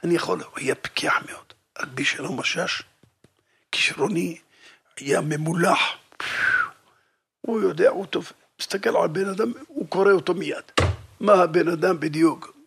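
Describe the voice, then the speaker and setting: A man preaching a religious story in an animated way, acting out the dialogue and dropping now and then into a whisper. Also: high voice, gravelly, husky. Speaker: preacher telling a religious tale. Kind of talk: storytelling sermon.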